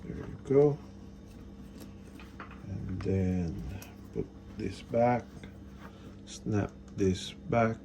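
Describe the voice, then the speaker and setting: A man demonstrating a product installation narrates the hands-on tutorial casually, step by step in short instructional phrases. His voice is on the low side and expressive, creaky, with drawn-out words and frequent pauses. Faint noise sits in the background.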